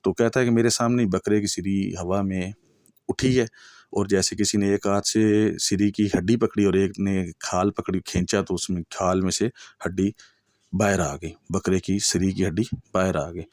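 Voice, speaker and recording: Deep-voiced Punjabi man telling a spooky tale. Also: steady tone, a little mellow, no echo, studio quality. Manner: conversational, chatty, full of checks like "okay?" and "you know". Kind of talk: storytelling a true horror tale.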